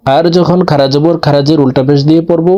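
A man teaching Quran letter pronunciation, drawing out each syllable in drills between quick explanations to viewers. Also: a little high, fairly even intonation, warm tone, dull audio. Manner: addresses viewers directly. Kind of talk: recitation lesson.

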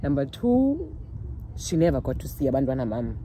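A woman in her thirties with a Xhosa South African accent, softly telling her story in a casual chat, mixing Xhosa and English. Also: extremely low pitch, big pitch swings, moderate pace, a little hiss or hum. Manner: soft-spoken, mixes Xhosa and English. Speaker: guest sharing her story.

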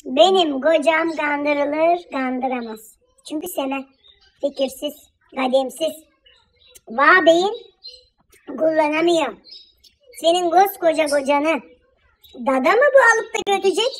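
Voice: very high voice, lively intonation, fairly bright tone, full character voice. A performer playing a gossipy elderly village auntie, quarrelling with a neighbour on the phone in a comedy sketch. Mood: bickering gossip. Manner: scolding, quarrelsome, rapid gossiping. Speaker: comic character. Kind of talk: one-sided phone call comedy sketch.

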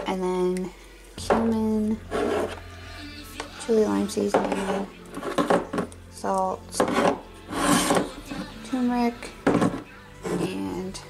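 A young woman explaining a home cooking recipe step by step in a relaxed, casual voice-over from her kitchen. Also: mid-range voice, vocal fry, poor audio. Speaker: cooking vlogger.

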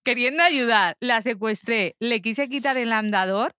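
A young woman, telling an animated story as a guest on a podcast and laughing often. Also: a little high, a little slow, no room sound, clean studio sound. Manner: animated, laughing, quotes people in voices, says "tía" a lot. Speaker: guest contributor. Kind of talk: casual podcast chat, storytelling.

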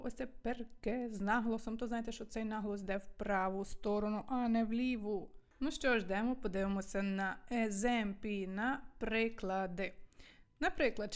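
A woman teaching Italian from home and wearing headphones with a microphone. She speaks in a lively way and asks and answers her own questions. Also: mid-range voice. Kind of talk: language lesson to camera.

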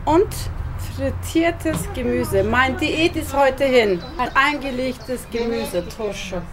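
A woman's voice: high-pitched, takes it slowly. A woman in her thirties with a Turkish accent, chatting through a home cooking vlog and explaining each step as she goes. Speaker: cooking channel host. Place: home kitchen and garden barbecue.

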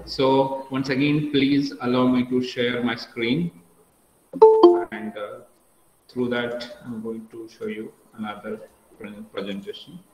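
A man's voice: mid-range voice, little pitch movement, slow, roomy sound, muffled recording, faint music behind. A man giving a methodical online class lecture, often repeating and correcting himself, heard through screen-recorded call audio.

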